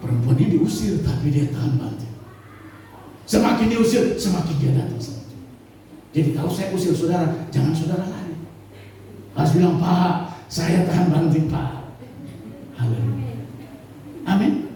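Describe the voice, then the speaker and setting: A man preaching as a pastor, speaking emphatically, often rising to high exclamations and calling out hallelujah. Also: sing-song, moderate pace, pauses often, mellow, a little hiss or hum. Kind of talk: sermon. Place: church hall. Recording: echoey church hall, mic heard from a distance.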